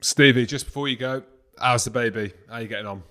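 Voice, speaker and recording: A man's voice: medium pitch, quick pace, sharp tone. A man chats as a podcast co-host in a mid-range voice. He keeps it informal and blokey, with teasing banter about sport.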